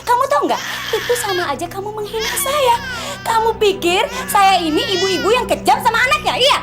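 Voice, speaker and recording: Casting: jealous young mom, very high, swooping shouts, tearful scolding, soap drama with loud music bed. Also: female voice, animated, a little fast. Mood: angry scolding. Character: shrill, jealous young mother, harsh to her maid. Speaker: young mother scolding her maid.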